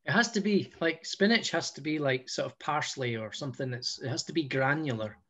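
A man's voice: on the high side, brisk, a bit bright. A Scottish man, a guest musician, chatting in a rambling, self-mocking way with lots of restarts. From Scotland. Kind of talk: casual chat.

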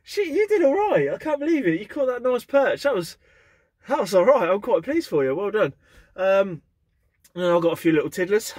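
A man in his thirties wrapping up a fishing vlog in a chatty, relaxed way from inside a van, close to the camera. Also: sits high, normal speed, no room sound. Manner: chatty, relaxed, casual with mild swearing. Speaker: fishing vlogger. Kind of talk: casual vlog sign-off. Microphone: camera held close, selfie framing.

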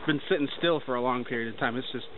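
A medium-pitched young man delivers rapid-fire vlog narration while hiking through a forest, rambling loosely as he walks. His handheld camera, held at arm's length, records tinny lo-fi sound with faint noise.

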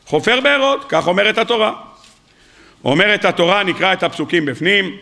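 A man with a high, bright, forceful voice gives a Torah lecture to a live audience. He chants scripture slowly and breaks off for quick joking asides. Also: expressive, vocal fry. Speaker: rabbi.

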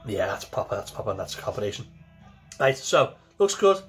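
A man in his forties with a fairly low, sing-song voice reviews a beer to camera from a small home kitchen, speaking a little fast over soft background music. He is casual and chatty, repeating himself as he goes.

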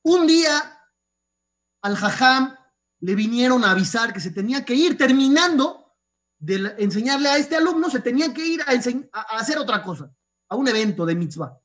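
A rabbi delivers a sermon full of stories, speaking in an extremely high-pitched voice at a normal speed. He is a lively storyteller who keeps asking his audience rhetorical questions.

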